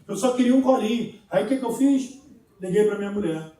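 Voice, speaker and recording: A man with a Brazilian accent preaching a sermon as pastor, telling his own story with lively humorous asides. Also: sits high, a little fast. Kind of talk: sermon with personal testimony. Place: church sanctuary. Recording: very echoey church, voice from far off.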